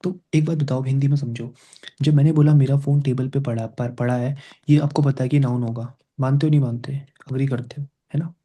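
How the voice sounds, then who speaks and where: A man's voice: mid-range voice, steady tone, a little fast, dark tone. A man teaching a grammar lesson, explaining step by step and constantly checking with his students, switching between Hindi and English phrases.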